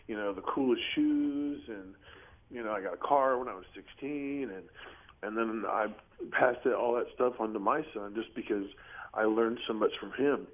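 A middle-aged man calling in to a radio show over the phone, talking in a halting way and clearing his throat often. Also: medium pitch. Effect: phone call heard over radio. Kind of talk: casual call-in talk. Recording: tinny phone line.

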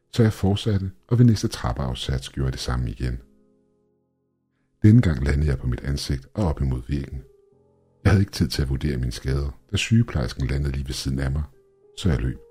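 Very deep, husky male horror narrator. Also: mellow. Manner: tense, measured storytelling.

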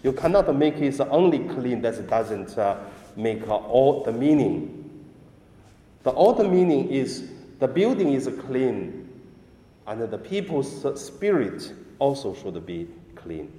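A man preaching from the altar in a slow, measured way, often pausing mid-thought. His voice is soft and mellow. The sound rings with a cathedral echo and a long reverb tail. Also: mid-range voice, very animated. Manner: halting delivery with frequent pauses. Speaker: priest. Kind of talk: Mass gospel reading and homily. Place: large church. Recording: echoey church with long reverb.

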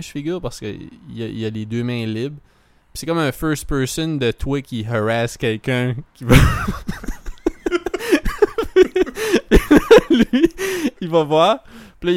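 A man with a Québécois French accent chats casually and rambles through his story, leaning on fillers and slipping in English words. His voice is smooth and resonant. The sound is dry and close, with no room around it. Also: medium pitch, no room sound. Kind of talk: casual chat.

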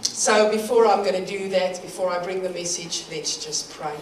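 Speaking at a normal speed in a fairly low voice, this middle-aged woman from South Africa preaches as a guest in a church hall, a bit nervous and laughing lightly between phrases. She has a South African accent. The distant recording picks up the hall's roominess and a little hiss or hum.

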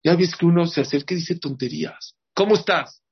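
A rabbi teaching a Torah class speaks quickly in a fairly high, gravelly voice, lively in manner and constantly posing rhetorical questions to his listeners. The recording is muffled, with slight background noise.

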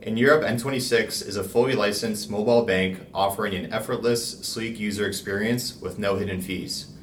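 A man's voice: lowish voice, fairly even intonation, fairly quick, a little hiss or hum. A man hosting a podcast, reading a polished introduction and asking interview questions. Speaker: podcast host. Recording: roomy, distant from the mic.

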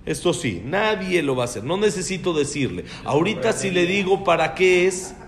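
Male Torah teacher, animated and repetitive delivery, slightly high voice over a faint rumble. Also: normal speed. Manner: animated, repeats and restarts phrases, mixes Hebrew terms. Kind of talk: Torah class in Spanish.

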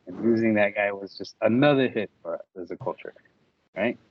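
A man's voice: lowish voice, brisk, breathy edge, no room sound. A man guesting on a casual podcast, earnest and a little tipsy, trailing off as he talks. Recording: dull earbud mic sound.

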